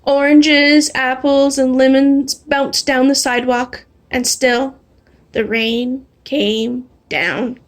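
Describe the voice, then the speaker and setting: A woman with a high voice reads a children's storybook aloud. Her delivery is animated and expressive, shaped for young listeners. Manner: animated, drawing out refrains slowly. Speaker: storybook reader. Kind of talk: expressive read-aloud of a children's picture book.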